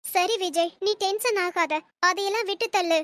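A woman's voice: very high voice, normal speed, a bit bright, dry recording. A woman voicing a stern, possessive middle-aged mother in a storybook drama, scolding and coddling her son. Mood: soothing. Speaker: mother of the young man.

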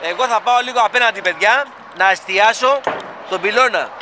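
A man with a Greek accent filming a construction site, chatting enthusiastically to his viewers as he walks with his camera. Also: high-pitched. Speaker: fan vlogger filming a stadium construction site. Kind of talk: casual handheld vlog commentary. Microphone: camera mic, filming handheld. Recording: outdoor site noise behind.

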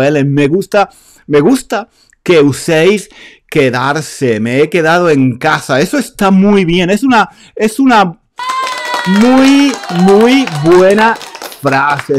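A man from Spain teaching a live online Spanish class, reading out viewers' comments in a chatty way and repeating phrases. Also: sits high.

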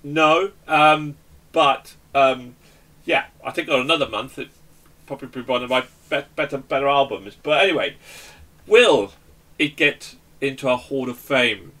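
A man's voice: medium pitch, a little slow, pushed and bright, distant mic. A man hosting a casual album review chat, jokey and rambling with lots of ums and restarts. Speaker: host of album review show.

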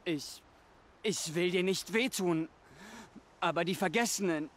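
A man's voice: high voice, a bit bright. Haunted, frantic young tribesman. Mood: troubled. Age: young adult. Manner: pleading, halting, repeats himself. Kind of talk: video game dialogue.

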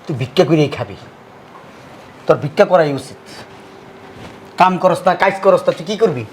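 An actor playing a greedy, bossy middle-aged father-in-law who scolds and mocks in rapid, speech. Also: on the high side, lively intonation, slight background noise, lightly acted. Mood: scolding. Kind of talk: village comedy drama.

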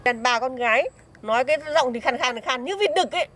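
High fast-talking teasing woman. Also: expressive, fairly bright tone. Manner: teasing, accusing, gossipy. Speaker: village woman in comedy skit. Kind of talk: comedic banter.

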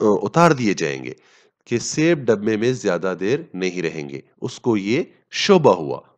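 A man teaching a story as a lesson, reading each English line slowly and then explaining it at length with pauses and fillers. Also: low-pitched. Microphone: voice-over on slides.

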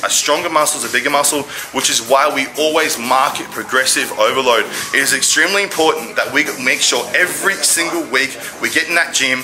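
A man's voice: mid-range voice, rough recording. A man in his thirties, a fitness trainer, explaining training to camera in an earnest, emphatic way. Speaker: fitness trainer, video presenter. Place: large gym, indoors. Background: music.

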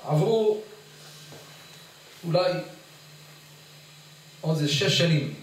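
Middle aged rabbi guy giving a sermon, high voice, lots of storytelling, super echoey hall. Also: slight background noise. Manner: animated storytelling, acting out quoted pleas. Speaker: rabbi giving a Torah lesson. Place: study hall. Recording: echoey hall, voice far from the mic.

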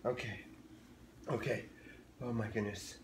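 A woman filming a casual home video, gushing with mock excitement, giggling often and playing up the joke. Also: rumbling low, measured pace, slight background noise. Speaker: parent vlogger. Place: home in the morning. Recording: roomy echo.

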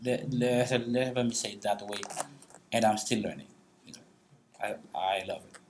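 Heavy background noise surrounds a middle-aged Haitian man with a fairly low voice and a Haitian accent. Speaking as a panel guest in a large meeting room, he tells personal stories haltingly, restarting often and laughing a lot.

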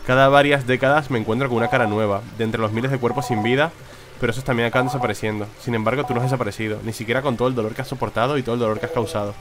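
A man reading the lines of a weary, ageless wanderer among the dead in a calm, solemn way. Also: mid-range voice, rapid-fire, natural voice. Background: game music.

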